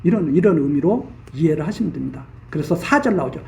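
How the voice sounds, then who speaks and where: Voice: medium pitch, lively intonation, fast, creaky, a little mellow. A pastor giving an expository Bible sermon in a church, explaining each verse in plain, chatty paraphrase. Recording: echoey room, mic far off.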